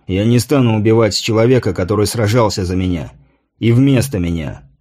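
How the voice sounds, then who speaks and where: A man voicing a fierce, proud warrior king who speaks with a slow, gruff growl. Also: fairly low pitch, a little mellow, close to an everyday voice. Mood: magnanimous.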